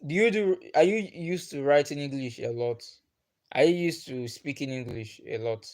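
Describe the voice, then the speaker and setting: At a normal speed, a man with a medium, slightly mellow voice hosts a livestream and reads through comments in an easygoing way. His first language is Igbo. He's patient, goes over things again, and chuckles often.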